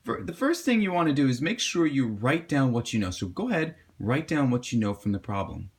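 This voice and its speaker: A man teaching a homework help lesson, patiently walking viewers through a math problem and encouraging them to pause and work along. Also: mid-range voice, sing-song, husky.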